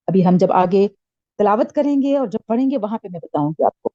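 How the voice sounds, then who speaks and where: A woman with a Pakistani Urdu accent, teaching a Quran lesson patiently, often checking that her listeners follow and drawing out each letter slowly. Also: medium pitch, animated, mellow, no room sound. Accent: Urdu-speaking Pakistani. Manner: slow drawn-out letter recitation. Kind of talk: classroom lesson. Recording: dull lo-fi sound.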